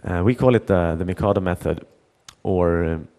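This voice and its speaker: The speaker is a middle-aged man at a conference, his low voice mellow with a creaky quality, moving at a moderate pace. He tells a story with plenty of restarts and repeated words, acting out the dialogue.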